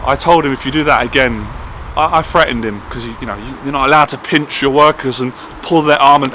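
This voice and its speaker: A man's voice: mid-range voice, pushed and bright, slight background noise. A man telling a personal story in a chatty, casual way, often checking in with "right?". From Ireland. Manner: chatty, keeps asking "right?". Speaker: vlogger sharing a personal story.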